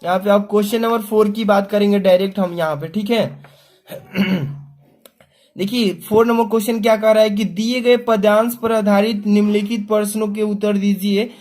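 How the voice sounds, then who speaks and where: A young adult male teacher walking students through an exam paper, explaining step by step and reading verse aloud slowly. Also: sits high, fairly even intonation, a little mellow. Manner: explanatory, repeats "ठीक है" and "देखिए", slows down to read verse aloud; clears throat often.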